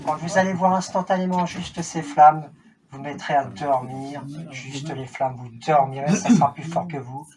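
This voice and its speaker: A man's voice: fairly high pitch, normal speed, a loud crowd. A man working as a stage hypnotist in a theatre, giving commanding suggestions to volunteers and teasing them playfully. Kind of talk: live stage hypnosis show. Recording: noisy, distant live theatre recording.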